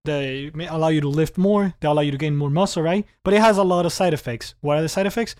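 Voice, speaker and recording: In a casual conversation, a man in his twenties raised in Cuba talks animatedly as a podcast guest, laughing frequently. His fairly high voice moves at a quick pace, and he often repeats words as he starts his sentences.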